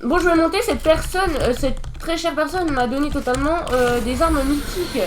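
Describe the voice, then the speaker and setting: A woman giving live commentary over her own gameplay, excitable and stammering, breaking into loud outbursts when stressed. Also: high-pitched, moderate pace, noisy background. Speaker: gaming youtuber.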